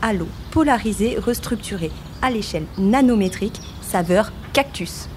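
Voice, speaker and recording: A woman plays a proud young-company founder in a homemade audio play. She is effusive and chatty, medium in pitch, with light ambience behind. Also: lively intonation, moderate pace, darkish tone, slight background noise, close to an everyday voice. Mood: delighted. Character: Capucine, bubbly proud female startup founder. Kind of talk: amateur scripted audio drama.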